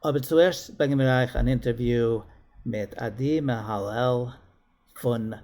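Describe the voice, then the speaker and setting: A man hosts a radio program, announcing the evening's guests in a brisk, steady voice. His tone is plain and businesslike. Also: medium pitch. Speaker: radio host. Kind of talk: show introduction.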